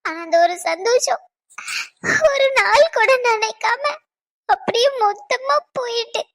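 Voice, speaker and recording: A woman's voice: very high-pitched, animated, measured pace, fairly bright tone, full character voice. A woman voicing a heartbroken young wife in a cartoon, crying as she pleads and confides. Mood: sobbing. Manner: sobbing, pleading confession. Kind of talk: cartoon voice acting.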